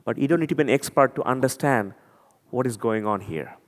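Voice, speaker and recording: This Bangladeshi conference speaker talks briskly in a medium-pitched voice and a Bangladeshi accent. Addressing an audience earnestly and emphatically, he often repeats words while reaching for them, and the recording carries a long hall reverb.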